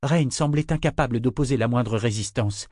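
A man narrating a novel in an even storytelling delivery. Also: mid-range voice, normal speed, no echo, studio quality. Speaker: audiobook narrator.

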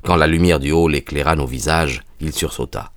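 A man narrating an audiobook in a measured storytelling manner. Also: extremely low pitch, steady tone, no echo, clean studio sound.

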